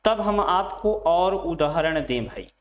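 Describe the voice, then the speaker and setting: A man's voice: a little high, expressive, takes it slowly. A middle-aged man teaching Hindi to exam students, repeating phrases, asking questions and answering them himself, and calling his students his children. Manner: addresses students fondly as children. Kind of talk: classroom lecture at a board. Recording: echoey room.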